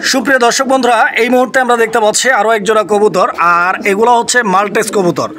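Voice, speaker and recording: A man's voice: high voice, rapid-fire, a bit bright, a little hiss or hum. A man presenting pigeons for sale to his viewers at a farm, addressing them directly and bargaining over prices with the seller. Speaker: vlogger touring a pigeon farm. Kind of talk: casual on-site product presentation.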